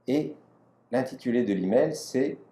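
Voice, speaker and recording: A man's voice: medium pitch, expressive, a little slow, dark tone, echoey room. A man from France, the host of an interview, introducing the story with a few hesitations and fillers.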